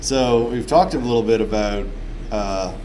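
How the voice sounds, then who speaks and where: Male sidekick co-host, low voice, wry quips, audible room hum. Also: unhurried, mellow. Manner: wry, joking interjections. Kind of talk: casual banter. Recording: air conditioning hum behind.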